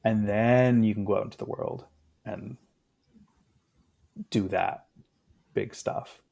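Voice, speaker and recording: A man in his thirties, a guest in a casual conversation, talking in a reflective, unhurried way with fillers. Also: fairly low pitch, fairly even intonation, vocal fry, mellow.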